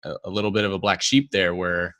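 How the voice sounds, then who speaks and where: A man's voice: deep voice, quick pace. A man hosting a podcast who interviews his guest in a casual, friendly way and laughs easily. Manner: friendly, relaxed, laughs often. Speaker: podcast host.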